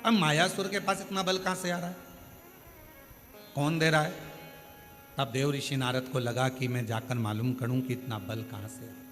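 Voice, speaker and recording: A man's voice: mid-range voice, steady tone, normal speed, pauses often, fairly bright tone, in a large hall, faint music behind. A man delivering a sermon, preaching in dramatic bursts with many rhetorical questions.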